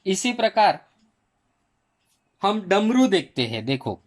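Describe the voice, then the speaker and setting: A man teaching a primary school Hindi lesson, slowly sounding out each letter and vowel sound for children. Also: high-pitched, sing-song. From India. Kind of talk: slow spelling lesson for children.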